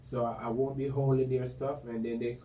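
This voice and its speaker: A man's voice: mid-range voice, little pitch movement, brisk, warm tone. A man chatting casually as an interview guest, talkative and loose with lots of fillers. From Jamaica. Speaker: business owner guest. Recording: echoey room, mic at a distance, faint background noise.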